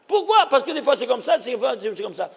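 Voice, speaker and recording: A man teaching a Torah lesson as a rabbi, animated and exclaiming, often asking his audience questions. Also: extremely high pitch, brisk, gravelly, husky, big-room sound.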